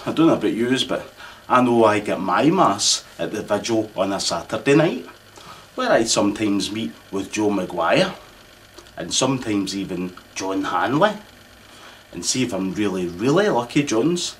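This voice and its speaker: With slight background noise, a Scottish man with a fairly low-pitched voice gives a mock-formal Christmas address. The comic host plays a mock royal speaker who is pompous and meandering, and he peppers it with local slang.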